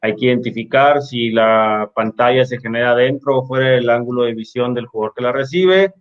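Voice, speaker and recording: A man's voice: mid-range voice, normal speed. A man, a basketball referee, explaining game rules on a video call, with fillers and restarts. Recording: dull lo-fi call audio.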